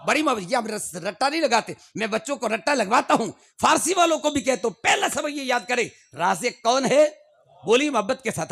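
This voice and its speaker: A middle-aged male preacher with a high, gravelly voice. He preaches with fervour and rises to emphatic calls. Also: bright, forceful tone. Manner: fervent, shifting between Urdu and Punjabi, rising to emphatic calls. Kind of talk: sermon.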